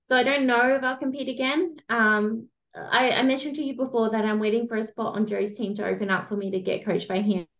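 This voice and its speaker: A young Australian woman with an Australian accent, chatting casually as a guest coach in an interview, relaxed and self-deprecating. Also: fairly high pitch, brisk, few pauses.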